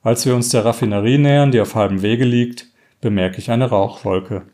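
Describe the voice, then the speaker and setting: Calm man reading a story aloud. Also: mid-range voice. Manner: calm, measured, corrects himself mid-reading. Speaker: story reader. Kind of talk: first-person story reading.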